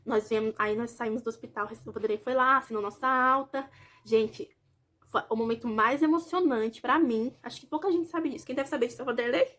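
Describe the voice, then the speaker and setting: A young woman from Brazil tells a personal story to her viewers in a casual, chatty vlog. Her voice sits a little high and her words come quickly. She speaks directly to the people watching. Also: a bit bright. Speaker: vlogger.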